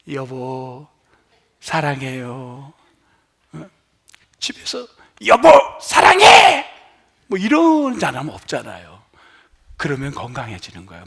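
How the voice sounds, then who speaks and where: A middle-aged male pastor preaching a sermon, asking his congregation questions and swinging from loud emphatic lines to hushed near-whispers. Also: high-pitched, husky. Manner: asks the congregation questions and has them try words aloud.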